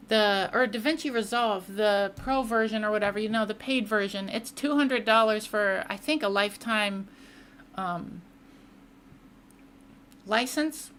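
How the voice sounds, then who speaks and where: A woman's voice: mid-range voice, unhurried, a bit bright, a little hiss or hum. Chatty woman streaming a racing sim. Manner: chatty, reads and answers chat mid-race. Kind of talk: casual live-stream chat while racing.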